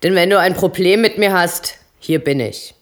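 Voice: mid-range voice, normal speed, a little mellow, natural voice. A reader voicing a brutal, hulking man who taunts and bellows at a younger rival in a bar. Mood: taunting.

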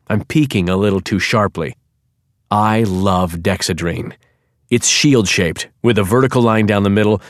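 Male audiobook narrator, lowish voice, sardonic deadpan read, dry close-miked studio sound. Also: no echo. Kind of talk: scripted first-person narration.

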